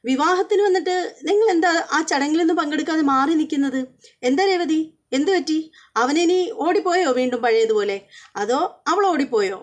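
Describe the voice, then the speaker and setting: A woman's voice: high-pitched, lively intonation, brisk, voice pushed up. A woman voicing an angry young husband who sharply questions his wife and her family. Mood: demanding.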